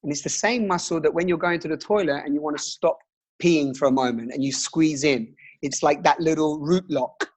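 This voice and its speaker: Gentle man guiding breathwork, slightly high-pitched. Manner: gentle, reassuring, with pauses. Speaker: breathwork teacher, guest. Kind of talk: guided breathing exercise instruction.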